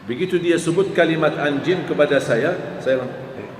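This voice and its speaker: A man giving a sermon, telling stories and raising his voice high on key words. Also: a little fast, recorded from a distance. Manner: storytelling, pitch rising sharply for emphasis. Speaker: preacher. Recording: echoey hall with faint ambient noise.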